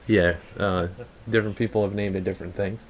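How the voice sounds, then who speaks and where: Low-voiced man hosting a casual livestream. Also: steady tone, a little fast, rough recording. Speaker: host of a paranormal livestream. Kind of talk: casual live commentary. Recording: faint background noise.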